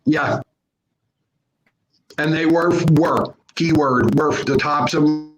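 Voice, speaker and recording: A man talking as a remote guest in casual chat, halting and trailing off, his audio choppy and breaking up over the connection. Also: on the high side, fairly even intonation, poor audio. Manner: halting, trailing off mid-sentence. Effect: choppy, breaking-up online call audio. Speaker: remote guest on a livestream call.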